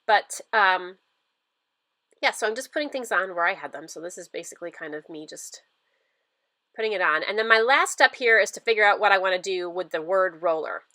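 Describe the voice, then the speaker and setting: A woman's voice: medium pitch, sharp tone, dry recording. A middle-aged woman with a stuffy nose from a cold, chatting casually through a craft voice-over with lots of fillers. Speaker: scrapbooking vlogger.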